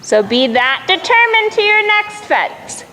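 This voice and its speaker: A woman coaching a riding lesson, projecting brisk, encouraging commands to her student in a riding arena. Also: very high-pitched, sing-song, sharp tone, slight background noise, poor audio. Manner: encouraging, praising the rider. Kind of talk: live riding lesson instruction.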